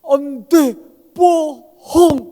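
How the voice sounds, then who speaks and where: Man putting on a cheerful orphanage resident, high sing-song pleading, very slow drawn-out words. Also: fairly even intonation, dark tone, full character voice. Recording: reverberant church hall.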